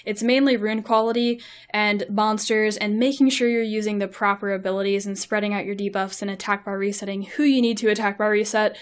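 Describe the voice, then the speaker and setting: A young woman giving casual gameplay commentary and advice, chatty with frequent fillers. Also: mid-range voice. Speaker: mobile game video creator.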